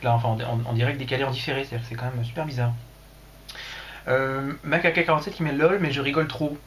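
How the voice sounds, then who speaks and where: A man's voice: a little high, a bit bright, slight background noise. A man hosting a casual livestream, rambling and joking crudely, talking into a computer mic. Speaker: livestream host.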